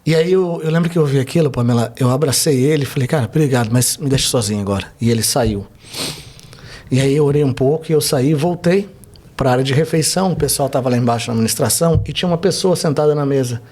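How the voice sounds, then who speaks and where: A man's voice: fairly high pitch, fast talker, a little mellow. A man, a pastor, giving a fervent testimony in a podcast interview and driving his points home with rhetorical questions.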